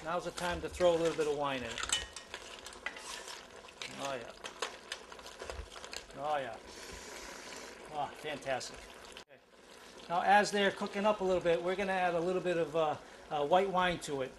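A middle-aged man hosts a home cooking show, enthusiastically demonstrating a dish in his kitchen and talking as he cooks, with plenty of fillers. His voice is fairly high and moderately paced, broken by long pauses, and there's background noise.

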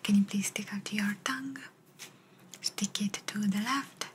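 Woman as slow-speaking Italian clinician, whispered role-play. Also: medium pitch, noisy background, close to an everyday voice. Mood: calm, encouraging. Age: young adult. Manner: gentle step-by-step instructions with repeated short praise. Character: calm, encouraging female Italian clinician giving an exam. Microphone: close ASMR microphone.

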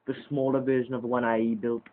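A man's voice: mid-range voice, little pitch movement, fast. A man bantering and teasing during casual gameplay commentary, often stumbling over his words. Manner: teasing, bickering, stammering. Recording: lo-fi, phone-like sound.

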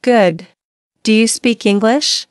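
A woman reading short scripted lesson dialogue lines with slow, careful enunciation. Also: a little high, no room sound, clean studio sound. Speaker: dialogue speaker in language lesson.

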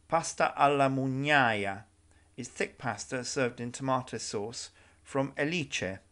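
A man giving scripted travel narration about a region, with light asides in a measured guide's delivery. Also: medium pitch, fairly bright tone.

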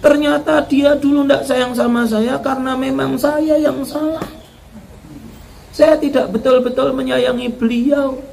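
A preacher voicing a tearful young woman who begs and sobs in a high voice. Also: fairly even intonation, unhurried, vocal fry, a little mellow, a little hiss or hum, full character voice. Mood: remorseful. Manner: begging, high-pitched and sobbing. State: crying. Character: tearful pleading young woman, daughter-in-law.

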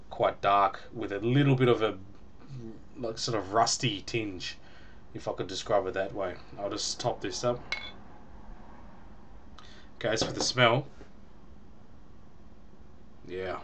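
A man's voice: on the low side, a bit bright, slight background noise. A young man casually reviewing a beer at home on a webcam, chatty and rambling with ums and small laughs. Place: small room at home, indoors.

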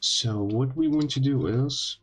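A man hosting an informal coding tutorial in halting phrases, his speech a little odd and impeded after having his wisdom teeth out. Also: medium pitch, breathy edge, faint music behind. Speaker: tutorial host.

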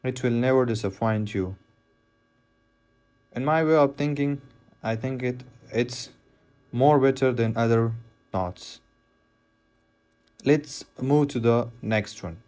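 Slow-talking man explaining knot tying. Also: mid-range voice, darkish tone. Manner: plain, repetitive step-by-step instructions with non-native phrasing. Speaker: fishing knot instructor. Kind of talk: hands-on tutorial voice-over.

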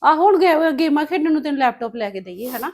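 A woman's voice: high voice, lively intonation, fast talker, a little mellow. A woman playing a strict mother who scolds her daughter and insists she get ready. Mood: scolding. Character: strict young mother, firm with stubborn daughter. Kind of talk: family drama acting.

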